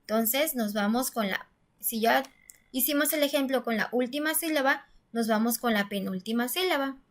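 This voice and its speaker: A woman's voice: on the high side, moderate pace. A woman teacher giving a step-by-step grammar lesson, patiently explaining and saying syllables aloud with stress. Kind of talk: classroom-style grammar lesson.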